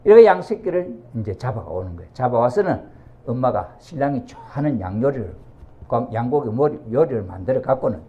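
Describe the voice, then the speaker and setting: A man preaching by retelling a bible story in an animated way, acting out its characters as he goes. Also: medium pitch, a little fast, dull audio.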